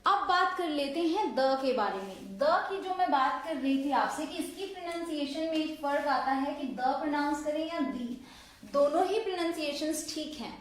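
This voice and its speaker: Brief: woman grammar teacher, high voice, patient step-by-step explaining, strong room echo. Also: lively intonation, normal speed, slight background noise. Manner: explains step by step, quizzing viewers with questions. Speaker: English teacher. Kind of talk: online grammar lesson. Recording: echoey room.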